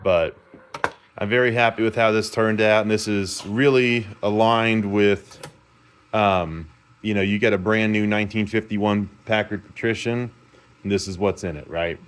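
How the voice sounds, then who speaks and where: His voice is lowish, smooth, and steady, at a moderate pace. The man is a vlogger in an indoor repair shop giving a casual, meandering, self-assured demo of a repaired vintage car radio, hobbyist-style.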